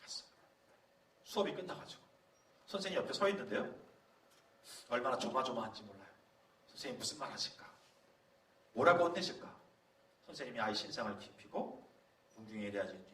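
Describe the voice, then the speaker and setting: A middle-aged man, a pastor, telling a story to a youth leaders' camp in a lively, storytelling way. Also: medium pitch. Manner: animated storytelling, acting out quoted voices. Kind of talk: sermon-style talk at a youth leaders' camp. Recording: roomy hall from a distance, faint background noise.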